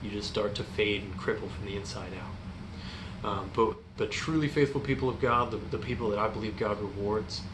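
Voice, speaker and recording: A young man giving an informal youth group sermon in an earnest, halting, hesitant way. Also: fairly low pitch, steady tone. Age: young adult. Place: indoor room in front of a stone fireplace. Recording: echoey room, clear background noise.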